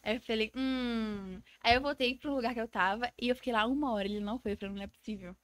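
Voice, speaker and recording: Fast-talking high-voiced young woman. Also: no echo. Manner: animated, acts out quoted dialogue, laughs while telling. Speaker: guest, comedy content creator. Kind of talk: casual storytelling in an interview.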